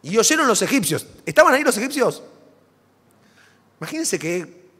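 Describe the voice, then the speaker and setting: A man with an Argentine accent preaching a sermon in a church, dramatic and animated, full of rhetorical questions. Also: high voice, moderate pace, breathy edge. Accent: Argentine Spanish. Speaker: pastor. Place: church sanctuary. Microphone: stage microphone. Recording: long church hall reverb.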